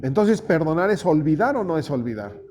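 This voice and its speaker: A man's voice: fairly high pitch, very animated, a little fast, darkish tone, faint music behind. A man preaching a conversational sermon, folksy and often asking his small congregation questions. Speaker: pastor.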